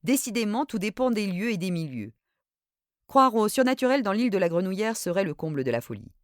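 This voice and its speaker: A woman reading a literary story aloud in an expressive, dramatic way. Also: medium pitch, fairly quick, dry recording, studio quality. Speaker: audiobook reader.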